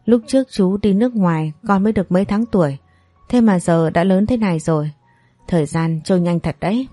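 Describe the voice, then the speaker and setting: A woman voicing a gentle, very polite young man who has just come back from abroad. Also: fairly low pitch, brisk, dry recording, soft background music, lightly acted.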